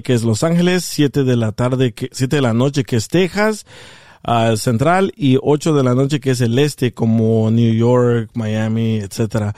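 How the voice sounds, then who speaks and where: A man's voice: mid-range voice, no echo, studio quality. A male radio host, telling a funny personal story and laughing as he goes. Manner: laughing, animated storytelling with slang. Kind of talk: comic storytelling on a call-in radio show. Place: radio studio.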